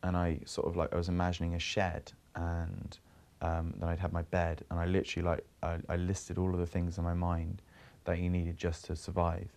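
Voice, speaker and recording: A man's voice: sits low, monotone, normal speed, hardly any pauses, a little mellow. A man musing unhurriedly about a childhood idea in an interview.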